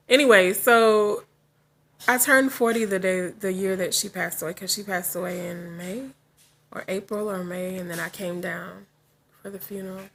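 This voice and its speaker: A just-woken vlogger in her forties talks to camera at a measured pace, her mid-range voice steady and a bit bright, with vocal fry and long pauses. She's candid and chatty, quick to laugh and prone to side thoughts, and there's slight background noise.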